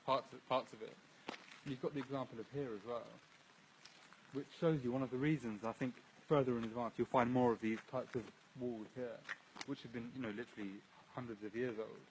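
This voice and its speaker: A man's voice: medium pitch, fairly even intonation, fast, a little hiss or hum, rough recording. A man born in London to a Syrian family, earnestly explaining old ruined buildings outdoors as he walks a livestream through them, often repeating words. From British Syrian, born in London. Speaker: local guide. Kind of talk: casual walking chat on a livestream.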